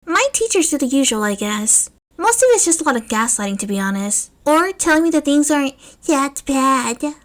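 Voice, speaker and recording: Woman voicing a young boy, high, chirpy, lively, resigned beyond his years. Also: moderate pace, few pauses.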